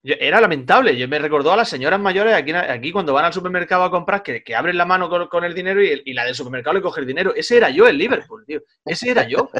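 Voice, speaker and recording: A man's voice: a little high, lively intonation, fast, hardly any pauses, a bit bright, dull audio. A man hosting a casual podcast, telling jokey anecdotes. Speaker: podcast host. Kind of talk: casual chat.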